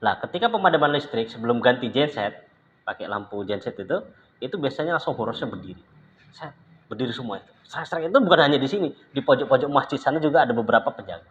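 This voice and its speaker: A man giving an informal religious lesson, telling stories in a lively way and acting out what others said. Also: quick pace, muffled recording, slight background noise. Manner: animated storytelling, acts out quoted speech with pitch jumps. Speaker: religious teacher. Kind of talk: informal lecture with anecdotes.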